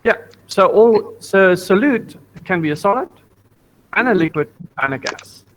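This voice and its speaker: Teaching a science lesson to a primary class via online video call, a man speaks at a measured pace in a high-sitting voice with lively intonation. He patiently repeats points and asks the children questions, and his computer mic picks up background noise.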